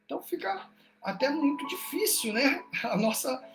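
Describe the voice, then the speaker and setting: A woman's voice: high-pitched, lively intonation, moderate pace, over music. A woman with a Brazilian Portuguese accent giving an explanatory talk to a spiritist study group over a livestream, asking many rhetorical questions and checking in with "né?". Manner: asks rhetorical questions, frequent "né?". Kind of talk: explanatory talk on a religious text. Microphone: online livestream.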